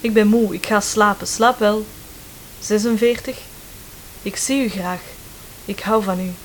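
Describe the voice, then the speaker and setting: A woman with a Flemish accent slowly reading numbered phrases for a language lesson, clear and careful. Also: mid-range voice, fairly even intonation, a little hiss or hum, rough recording. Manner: slow, careful, clearly enunciated. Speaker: language teacher.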